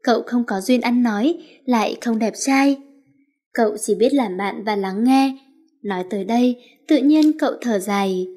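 A woman storyteller reads a story aloud with expression. Her voice is mellow and warm, pitched slightly high. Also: normal speed. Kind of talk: story narration.

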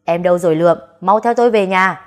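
A woman's voice: medium pitch, moderate pace, warm tone, breathy edge, natural voice. A woman voicing a hot-tempered, lovesick young master who barks commands and threats. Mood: pleading loudly.

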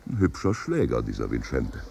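An actor playing a worldly, ironic gentleman in a 1950s radio drama, with a dry, wry manner. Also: a bass voice, wildly swooping pitch, normal speed, vocal fry, full character voice.

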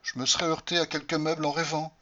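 A man reading an audiobook voices a pale, tearful young woman who speaks high, breathless and pleading. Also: little pitch movement, fast talker, bright, forceful tone, a little hiss or hum. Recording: slightly dull lo-fi recording.

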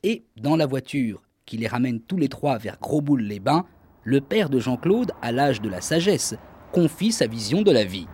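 A man's voice: medium pitch, very animated, moderate pace, darkish tone, breathy edge, no room sound. A man hosting a radio show, delivering scripted comic narration in a wry, mock-solemn way. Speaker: radio host. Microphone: studio microphone.

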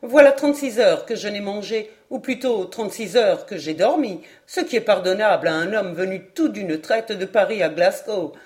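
A woman voicing a chatty, effusive foreign gentleman. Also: mid-range voice, moderate pace, few pauses, close to an everyday voice. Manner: voluble, effusive, jumps between topics. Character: talkative, excitable male foreign traveler.

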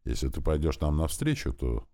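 A man voicing a young princess in an audiobook, speaking in a soft, gentle way. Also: a bass voice, big pitch swings, moderate pace, exaggerated voice.

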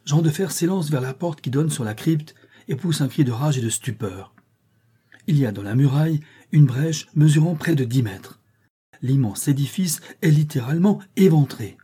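A man narrating a novel aloud with expressive, dramatic phrasing. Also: on the high side, moderate pace, breathy edge. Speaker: audiobook narrator.

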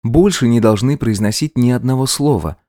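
A man voicing a scheming young wife who coaxes and insists in a soft, raised voice. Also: moderate pace, dry recording, clean studio sound, lightly acted. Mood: insistent. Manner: coaxing, insistent, soft high voice.

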